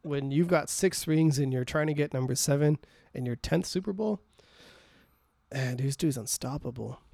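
A man's voice: on the high side, moderate pace, vocal fry, mellow, dry recording, clean studio sound. A man co-hosting a podcast, chatting casually about sports, blunt and teasing, swearing freely. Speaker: podcast co-host.

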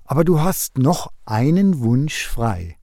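A man voicing a kindly, gently amused Lord God in a Christmas storybook reading, patient and unhurried. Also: mid-range voice, very animated, no echo, studio quality.

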